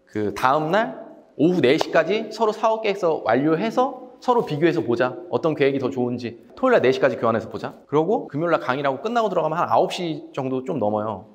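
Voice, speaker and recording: Male sales coach, motivational talk, quick and animated, slightly high voice, long hall reverb. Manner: animated storytelling, quoting himself in blunt speech.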